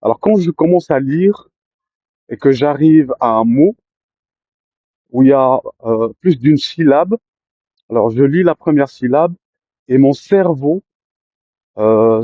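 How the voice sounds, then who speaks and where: A man telling his own life story to listeners, often pausing with fillers and restarting his sentences. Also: medium pitch, dry recording, lo-fi sound. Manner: hesitant, many fillers and restarts. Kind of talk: personal storytelling to camera.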